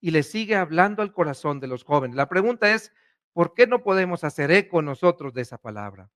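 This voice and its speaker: A man, a priest preaching a sermon, asking questions and swinging between loud and hushed delivery. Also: on the high side, very animated, brisk.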